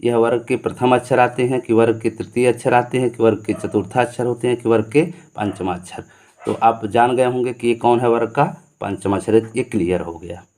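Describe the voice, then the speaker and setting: Mellow-voiced male teacher explaining patiently. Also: mid-range voice, steady tone, a little fast. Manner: repeats points, asks and answers his own questions. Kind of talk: explaining Hindi grammar to students.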